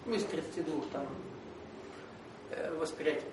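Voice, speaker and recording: A man with a fairly high voice lectures a gathered group as a spiritual teacher, explaining at a measured pace and posing rhetorical questions. The recording was made from a distance in an echoey hall, with faint noise.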